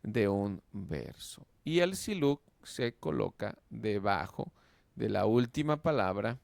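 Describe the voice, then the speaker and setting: Slow, gravelly man teaching Hebrew. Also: lowish voice, sing-song, darkish tone, no echo. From Mexico. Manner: slow, explanatory, keeps asking "¿verdad?". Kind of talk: lecture.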